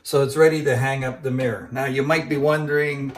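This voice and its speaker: A man walks through a home repair in an easygoing, step-by-step way, now and then restarting a phrase. His voice sits at an ordinary middle pitch. It is picked up from some distance in an echoey living room. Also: steady tone, a little fast. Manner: plain, easygoing step-by-step explaining with small restarts. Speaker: DIY home video host. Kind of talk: casual how-to narration.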